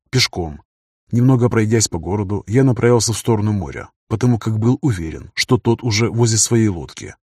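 A man reading a first-person audiobook in an even, measured storytelling manner. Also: on the low side, husky, dry recording, clean studio sound. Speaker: audiobook reader.

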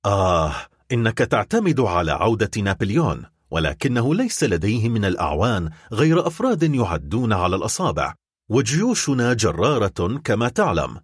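A man's voice: fairly low pitch, big pitch swings, fairly quick, husky, no echo, clean studio sound. A man voicing a tense, alarmed young male prosecutor in an audiobook, confronting his father. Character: anxious young male royal prosecutor, the son. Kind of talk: audiobook character reading.

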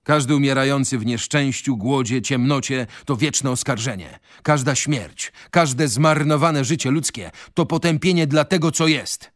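A man's voice: medium pitch, normal speed, hardly any pauses, no room sound, clean studio sound, voice pushed up, lightly acted. A man reading a novel on radio, voicing a fiery, defiant young male revolutionary. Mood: fervent. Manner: fervent, declamatory.

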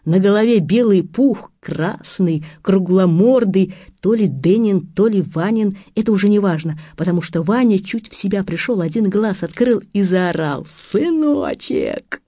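A woman reading a story aloud, taking a lively, gossipy voice for the storyteller. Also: medium pitch, moderate pace, few pauses, no room sound. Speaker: audiobook reader. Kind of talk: narrating a story with character voices. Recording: dry, slightly muffled reading.

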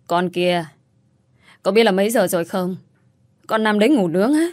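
A woman's voice: mid-range voice, lively intonation, normal speed, a little mellow, no room sound, lightly acted. A woman voicing a harsh, bullying sister-in-law in a told story, scolding and insulting with contempt. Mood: scornful scolding. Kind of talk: storytelling, acted dialogue.

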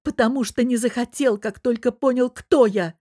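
A distraught young woman, hurt and defensive, sobs through her words in a high, strained voice, as a woman reader puts her on. The delivery is loud and emotional. The sound is dry and close, with no room around it. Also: normal speed, dry recording, natural voice. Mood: tearful. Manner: sobbing, high-strung pleading.

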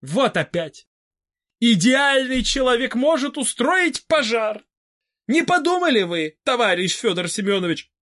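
A man's voice: very high voice, big pitch swings, a bit bright, full character voice. A man playing a pompous preachy scientist. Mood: lecturing. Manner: slow, preachy, full of slogans. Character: pompous middle-aged male scientist demagogue. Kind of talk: audiobook character reading.

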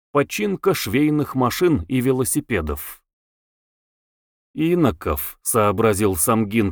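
A man's voice: mid-range voice, darkish tone, no room sound, studio quality. A man narrating a novel as an audiobook, reading expressively.

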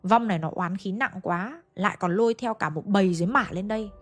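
A woman's voice: medium pitch, quick pace, soft background music, natural voice. A woman voicing a frightened village spirit medium who refuses the job. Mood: pleading.

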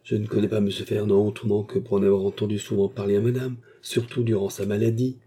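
A man's voice: fairly low pitch, level tone, fast talker, dark tone, breathy edge. A man reading an audiobook, voicing a scheming young maid who fakes tender sorrow. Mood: feigned sorrow. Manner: sugary, feigning sorrow.

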